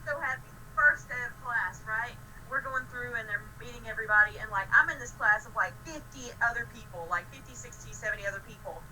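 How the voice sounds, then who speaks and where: A young woman chatting with a friend over the phone, excitable and animated, swearing often as she tells stories. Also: fairly high pitch, fast, hardly any pauses, crowd noise, poor audio. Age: young adult. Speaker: friend on a call. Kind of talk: casual chat.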